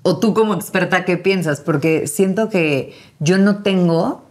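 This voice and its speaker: Woman, host, lowish voice, reflective, conversational. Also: measured pace, darkish tone. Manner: reflective, shares personal anecdotes, asks follow-up questions. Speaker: podcast host. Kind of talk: casual conversational interview.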